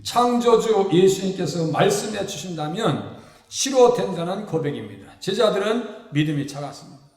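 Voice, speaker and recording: A man from South Korea delivers a lively, folksy sermon in a high voice. He keeps asking the congregation questions and playfully acts out the people he describes. Everything rings through a church sanctuary with a long, echoing reverb. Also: moderate pace. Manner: folksy, animated preaching with rhetorical questions to the congregation. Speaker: pastor. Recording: echoey hall with long reverb.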